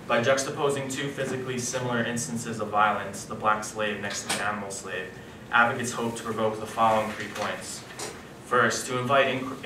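A young man gives a formal academic presentation in a low voice, a little winded from altitude sickness. He is recorded from across an echoey conference room, with noise behind him. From New York. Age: young adult. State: slightly breathless from altitude sickness. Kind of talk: reading a prepared academic paper. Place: wood-panelled conference room, indoors. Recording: echoey room, distant mic, background noise.

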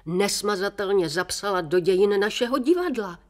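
A woman's voice: mid-range voice, lively intonation, voice pushed up, natural voice. A woman reading a children's story aloud, voicing an eager, amazed male stage actor.

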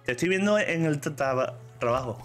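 Brief: Spanish male streamer, lively pitch, a bit high, chatty, faint music behind. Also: moderate pace. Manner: chatty, repeats "tío" often, reads chat aloud. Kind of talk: casual live-stream chat.

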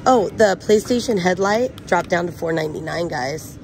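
A woman's voice: lowish voice, lively intonation, normal speed, poor audio. A woman chatting casually to her phone camera as she walks a supermarket aisle, eagerly pointing out bargains. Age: adult with a son. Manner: chatty, enthusiastic about bargains. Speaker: shopping vlogger. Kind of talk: casual shop-with-me narration. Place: indoors in a discount supermarket aisle. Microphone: handheld phone camera. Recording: store noise in the background.

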